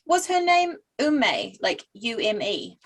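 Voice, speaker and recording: A woman on a comedy panel, explaining jokes and facts in a quick, playful way. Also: a little high, very animated, slight background noise. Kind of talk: casual comedic banter.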